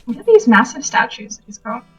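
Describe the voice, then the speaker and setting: A young woman co-hosting a let's-play, rambling relaxed and full of "like" as she explores the game. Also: on the high side, a little fast, far from the mic, soft background music, low-quality recording. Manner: relaxed, rambling, uses "like" a lot. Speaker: co-host playing a game. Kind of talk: casual let's-play chat.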